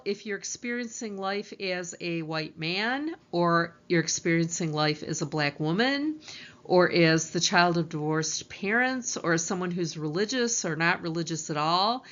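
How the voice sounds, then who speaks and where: A woman's voice: on the low side, fairly bright tone, lo-fi sound. A woman college lecturer, explaining course ideas over slides in a conversational teaching tone.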